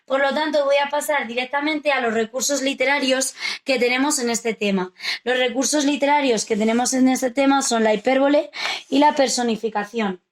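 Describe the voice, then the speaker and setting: High-voiced woman teacher explaining to children. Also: moderate pace. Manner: explains patiently, asks rhetorical checks like "vale?". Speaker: primary school teacher. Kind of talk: recorded remote lesson for children.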